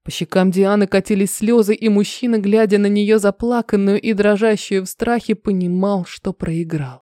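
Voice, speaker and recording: A woman narrates an audiobook in a calm, measured way. Her voice is mellow and warm. The recording is dry and close. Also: mid-range voice, no echo.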